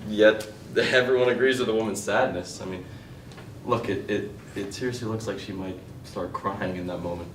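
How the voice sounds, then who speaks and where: Recorded from a distance on an indoor stage with heavy echo and faint noise, a fairly low male voice portrays James, a condescending art lecturer. The performance is light and steady in tone, smug and dismissive, as he talks down to his partner in halting, argumentative exchanges.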